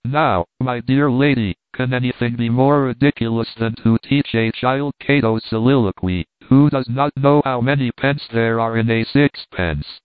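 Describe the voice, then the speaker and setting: Stern old scholar guy lecturing a kid, read by a man, smooth voice, tinny like a phone. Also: medium pitch, normal speed, few pauses, dry recording, lightly acted. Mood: dryly correcting. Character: stern old male scholar questioning a child.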